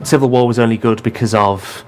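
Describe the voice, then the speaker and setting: A man's voice: on the low side, steady tone. Opinionated man, casual podcast chat. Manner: opinionated, fast bursts of argument. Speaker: podcast host.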